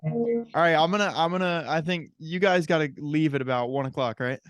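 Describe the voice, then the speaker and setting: Smooth-voiced podcast host, dry close sound. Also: male voice, a little high, brisk, dry recording. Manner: easygoing, short affirmations. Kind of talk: casual interview chat.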